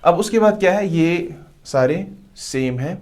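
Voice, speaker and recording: A man teaching Quran letter pronunciation who drills each sound slowly and loudly, then explains it more softly. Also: high voice, expressive. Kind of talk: slow tajweed lesson with drilled recitation.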